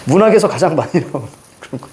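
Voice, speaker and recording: A middle-aged man teaching Korean literature for exams, lecturing in a lively way and firing quick questions at his students. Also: a little high. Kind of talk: exam-prep lecture.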